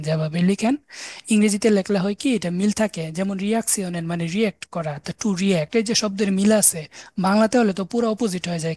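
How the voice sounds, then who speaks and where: A woman's voice: medium pitch, a little mellow, dry recording. Patient woman teaching, dry sound. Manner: explains patiently, spells words letter by letter. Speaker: language teacher. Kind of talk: recorded online lecture.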